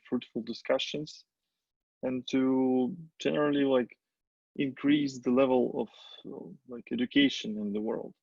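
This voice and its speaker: Gravelly man hosting a webinar. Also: medium pitch, a little mellow, no echo. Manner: halting, many fillers like "like". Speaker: webinar host. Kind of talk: webinar conversation. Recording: dry, dull video call audio.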